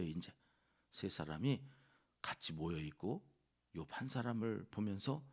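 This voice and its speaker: A male pastor giving an early-morning sermon in a church, lively and acting out what others say. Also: on the low side, gravelly, slightly rough. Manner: lively, acts out quoted speakers. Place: church sanctuary.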